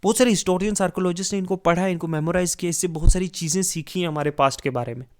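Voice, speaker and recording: A man's voice: sits high, fast. A man explaining a history chapter casually to students, often switching between languages and repeating fillers. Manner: mixes English phrases into explanation, repeats filler "theek hai". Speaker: teacher.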